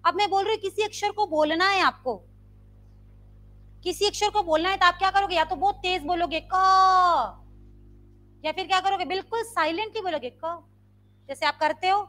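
An Indian woman teaches Sanskrit grammar in a live online class, quizzing her students with repeated questions and demonstrating loud and soft sounds. Her voice is extremely high, and she speaks at normal speed.

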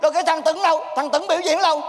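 A man with a Southern Vietnamese accent plays a troupe master in a live stage sketch, scolding with a very high voice. He keeps breaking into exasperated shouts. The sound rings with long reverb from a theater hall. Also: steady tone, rapid-fire.

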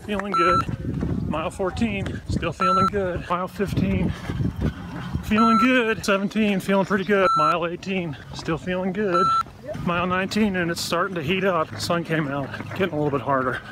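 A man's voice: high-pitched, moderate pace, heavy background noise. A man filming himself during a marathon, giving short repetitive upbeat status reports. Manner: repetitive, upbeat, winded check-ins. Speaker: marathon runner. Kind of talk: casual self-filmed reports.

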